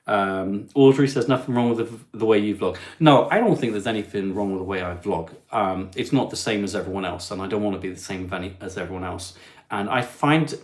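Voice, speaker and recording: A man hosting a live stream, chatting and reading out viewer comments in a warm, self-deprecating way. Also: fairly low pitch, fairly quick, roomy sound. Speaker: host. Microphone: phone.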